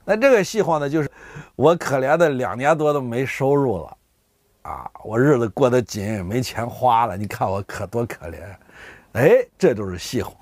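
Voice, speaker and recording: A man's voice: medium pitch, moderate pace, no echo. A man, casually explaining local words to his viewers and acting out everyday examples. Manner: animated, often voices everyday speakers in examples. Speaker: vlogger explaining dialect words. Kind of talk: casual explanatory talk to camera.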